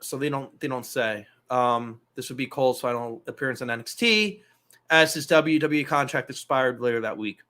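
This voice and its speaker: A man's voice: medium pitch, moderate pace, pushed and bright. A man hosting a casual wrestling talk show, loose and profane, rambling through asides. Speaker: podcast host.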